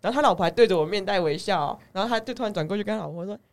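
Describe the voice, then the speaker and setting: A woman's voice: mid-range voice, racing. A woman with a Taiwanese Mandarin accent, hosting a casual podcast and telling stories with frequent giggles. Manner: giggly, lively storyteller. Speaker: podcast host. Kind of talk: casual chat.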